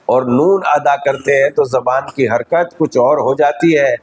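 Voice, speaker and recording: A man with an Indian Urdu accent, a cleric giving a measured, teacherly religious lecture at a majlis. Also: medium pitch, husky, low-quality recording.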